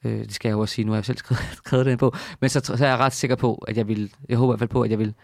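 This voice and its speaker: Low gravelly guy hosting a chat, hesitant and searching for words, dry close sound. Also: level tone, dry recording. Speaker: podcast host and author. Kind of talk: reflective conversational interview.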